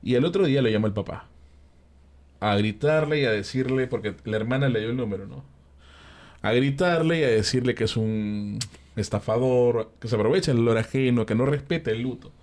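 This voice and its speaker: A man with a Peruvian accent telling a ghost story in a relaxed panel chat, acting out the characters' lines and using frequent fillers. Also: medium pitch, brisk. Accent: Peruvian Spanish. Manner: animated storyteller who acts out the characters' lines; frequent fillers and tag questions.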